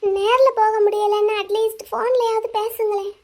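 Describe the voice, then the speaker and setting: A woman voicing a worried young woman in an animated drama, talking in a pleading way. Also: very high voice, moderate pace. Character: young woman Angel, anxious, hiding away.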